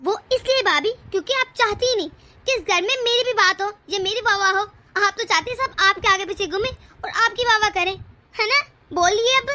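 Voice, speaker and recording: A woman's voice: very high-pitched, pushed and bright. A woman voicing a scheming young daughter-in-law in a cartoon, speaking in a sweet but demanding way. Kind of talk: cartoon voice acting.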